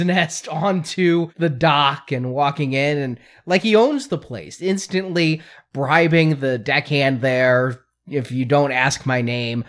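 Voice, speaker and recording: Male co-host, slightly higher voice, casual enthusiastic film chat. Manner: enthusiastic, reminiscing. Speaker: podcast co-host.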